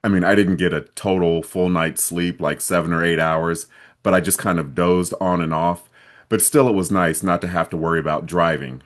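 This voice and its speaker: A man from Ohio, a vlogger, telling a travel story in a steady, plain way. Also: deep voice, moderate pace.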